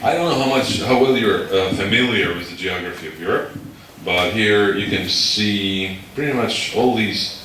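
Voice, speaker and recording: A man's voice: on the low side, moderate pace, few pauses, a bit bright. A man from Slovakia, giving a university lecture and explaining step by step while checking in with his listeners. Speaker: guest lecturer. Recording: echoey hall, distant mic, background noise.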